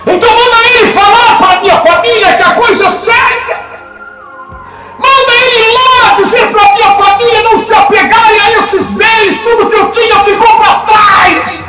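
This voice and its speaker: A man voicing a tormented rich man in hell who pleads in anguished shouts. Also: very high-pitched, normal speed, creaky, distant mic. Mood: desperate lament. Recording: echoey room with music behind.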